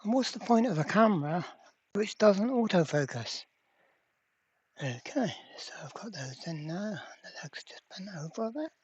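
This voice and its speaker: This repair video shows an electronics fixer at an indoor bench, talking casually, muttering under his breath and swearing a bit. The mid-range voice is expressive, a little mellow with a breathy edge, at normal speed. There's no room sound, though the audio is dull.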